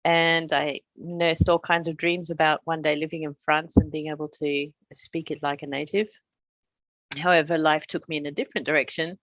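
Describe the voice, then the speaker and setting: A middle-aged Australian woman who works as a translator gives a prepared presentation, explaining things in a measured way with touches of humor. Her voice is deep, with no room sound and the highs cut off.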